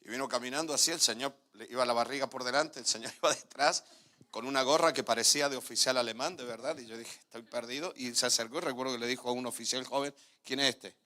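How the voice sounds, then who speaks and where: Argentine pastor with a bright voice. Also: male voice, mid-range voice, fairly even intonation, fast talker. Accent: Argentine Spanish. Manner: storytelling, laughs often, dips quiet then rises. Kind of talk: sermon with personal testimony.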